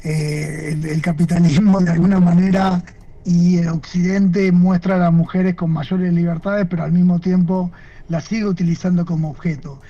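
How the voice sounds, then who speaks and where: A man's voice: high voice, fairly even intonation, normal speed, warm tone. A man giving interview answers over a video call, speaking thoughtfully with frequent fillers and restarts. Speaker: guest photojournalist.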